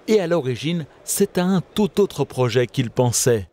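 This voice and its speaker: A man giving steady, scripted documentary narration. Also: medium pitch, measured pace. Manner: steady, informative.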